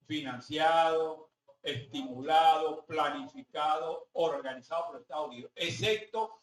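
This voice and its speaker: A man's voice: a little high, a bit bright. A Venezuelan man, a professor, giving a classroom lecture in a chatty way with rhetorical asides to his listeners. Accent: Venezuelan Spanish. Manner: conversational, rhetorical asides to the audience. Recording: roomy hall, mic at a distance, faint background noise.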